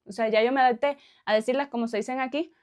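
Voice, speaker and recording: A woman's voice: on the high side, fairly even intonation, quick pace, darkish tone. A woman from Cuba with a Cuban accent, chatting casually to her viewers, laughing often and tossing in little questions. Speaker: vlogger. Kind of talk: casual chat to camera.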